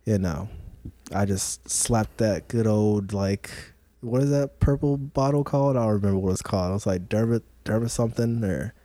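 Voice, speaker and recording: A man's voice: on the low side, normal speed, dark tone, dry recording. A man in a casual chat, a father talking with jokes, slang and many fillers. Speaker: podcast co-host, father.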